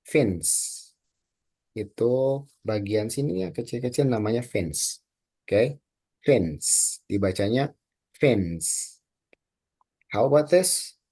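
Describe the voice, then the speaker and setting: A man's voice: mid-range voice, lively intonation, a little slow, warm tone. A male teacher with an Indonesian accent, leading a children's vocabulary lesson and drilling words for the class to repeat. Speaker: English teacher.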